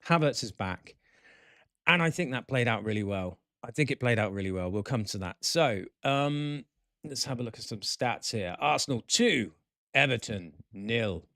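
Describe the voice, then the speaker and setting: A man hosting a chat show, excitable and talkative. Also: medium pitch, normal speed, dry recording, studio quality. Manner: excitable, chatty, animated. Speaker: podcast host.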